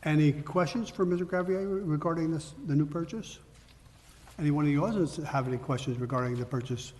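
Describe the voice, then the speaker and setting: A man chairing a town council meeting in a brisk, businesslike manner, moving formally through procedure. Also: a little high, a little mellow. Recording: echoey hall with room noise.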